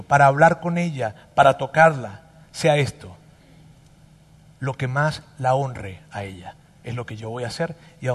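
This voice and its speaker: A man preaching a sermon as pastor, emphatic and animated, dropping to a hush and then rising loud again. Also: fairly high pitch, big-room sound.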